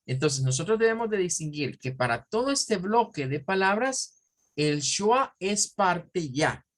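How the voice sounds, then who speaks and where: Slow, patient male Spanish-speaking teacher. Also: high-pitched, very animated. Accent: Central American Spanish. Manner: slow, explanatory, repeats words for drill; looks up words in an online dictionary as he talks. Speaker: English teacher. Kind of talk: online pronunciation lesson.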